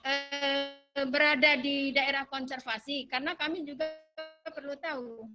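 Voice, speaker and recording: A woman speaking formally in an online meeting, pausing often and hesitating, while her voice breaks up and cuts out over a bad connection. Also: sits high, fairly even intonation, over music. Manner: hesitant, many filler pauses. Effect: choppy voice breaking up over a bad online call connection. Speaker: discussion participant asking a question. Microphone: computer or phone on a video call.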